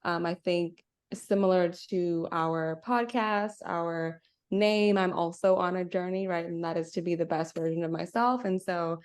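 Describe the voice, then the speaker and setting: A woman's voice: fairly low pitch, measured pace, smooth. A young woman from the Bahamas, co-hosting a podcast in casual, reflective chat over a call. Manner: reflective, self-introducing, often says "kinda" and "right?". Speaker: podcast co-host. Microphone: video call.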